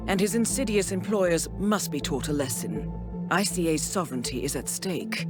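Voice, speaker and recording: An actress plays a composed, steely female intelligence-agency handler, guarded and defiant, delivering video game briefing and cinematic dialogue. Her natural voice, heard over music, has expressive pitch and a measured, formal, articulate manner carrying cold resolve.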